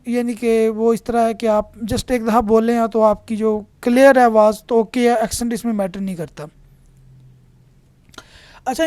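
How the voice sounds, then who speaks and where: Male tutor talking through slides, methodical, steady and unhurried, dry close-miked sound. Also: extremely high pitch, no echo. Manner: methodical, step-by-step explaining. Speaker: exam prep tutor. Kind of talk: tutorial narration over slides.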